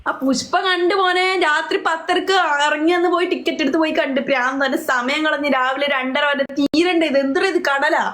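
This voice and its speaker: A woman speaks in a high voice on a live stream. Her talk is casual banter, colloquial and teasing. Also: a little fast, hardly any pauses, fairly bright tone.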